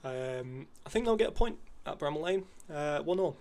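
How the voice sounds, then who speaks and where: A man guesting on a casual football predictions chat, relaxed with frequent ums and uhs. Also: on the high side, moderate pace.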